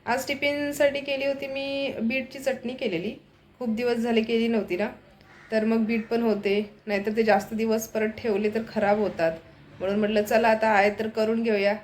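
A woman's voice: fairly high pitch, flat delivery, moderate pace, a little mellow, slight background noise. A young woman filming a casual family vlog at home on a phone, chatting to viewers and pointing things out as she goes. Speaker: family vlogger. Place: small home indoors.

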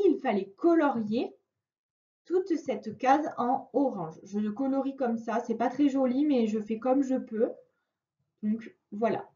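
A woman teacher speaks slowly and clearly, guiding a young child through a lesson with patience. Her voice sits fairly high and moves up and down with lively emphasis. The recording sounds dull and lo-fi. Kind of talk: recorded remote classroom lesson.

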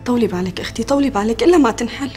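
A woman's voice: a little high, expressive, very fast, mellow, soft background music, natural voice. An actress playing a caring young woman with a Syrian accent, soothing and coaxing her sister. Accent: Syrian Arabic. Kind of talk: TV period drama acting.

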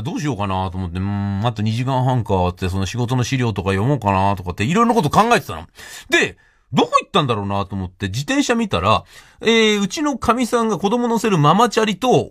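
A man's voice: a little high, fairly bright tone, no room sound, clean studio sound. A man hosting a radio show, telling a comic story in a solo monologue, laughing often and acting out the voices he quotes.

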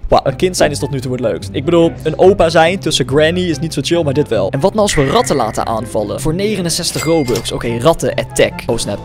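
Excitable gamer man over game music. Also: fast, few pauses. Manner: energetic, exclamatory, jumps between loud yelps and low asides. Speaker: gaming YouTuber. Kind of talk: excited Roblox gameplay commentary.

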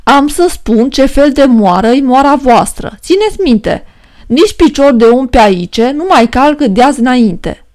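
A cheeky, quick-witted young peasant trickster talks back boldly, his voice sitting fairly high and swinging widely in pitch. A woman reads him out in a storybook. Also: expressive, a little mellow. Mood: mocking. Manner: mocking, bold and quick-witted.

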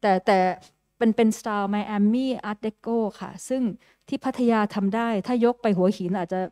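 A woman's voice: medium pitch, a little slow, dark tone, dry recording, clean studio sound. A woman giving an informal lecture over slides, talking in a chatty way with many fillers and restarts and dropping English terms into her sentences. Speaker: guest lecturer.

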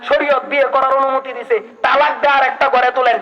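A male preacher giving a fiery sermon, shouting at times and urging the crowd to answer. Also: very high voice, level tone, quick pace. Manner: shouting, dialect-heavy, urges the crowd to answer. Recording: dull lo-fi recording.

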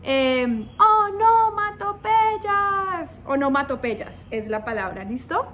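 A woman's voice: high voice, expressive, unhurried, fairly bright tone, slight background noise. A young adult woman teacher giving a video lesson to young writers, playful and coaxing, often checking in with the viewer.

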